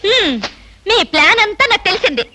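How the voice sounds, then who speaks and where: A woman's voice: very high voice, very animated, fast talker, sharp tone, a little hiss or hum, heavily acted. An actress playing a suspicious, upset wife in a film comedy, scolding her husband. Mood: stern. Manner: scolding, reproachful.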